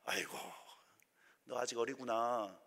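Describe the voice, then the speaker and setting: A man voicing a weary king who talks down to a boy in a soft, condescending way. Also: mid-range voice, steady tone, a little slow, vocal fry, pitched below the performer's own voice. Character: weary old king, patronizing and dismissive. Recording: echoey church hall.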